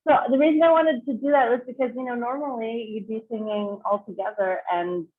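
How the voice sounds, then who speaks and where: A woman, a choir clinician, leads an online choir sectional over a video call, chatty and full of fillers and restarts. Her slightly high voice has fairly even intonation and a slightly fast pace, and the audio is tinny with faint noise.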